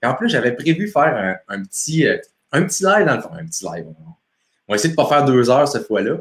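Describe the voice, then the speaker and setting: A man's voice: medium pitch, big pitch swings, a little fast. A young man with a Quebec French accent hosting a casual live stream as a motivation coach, chatty and laughing easily as he greets viewers by name. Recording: echoey room.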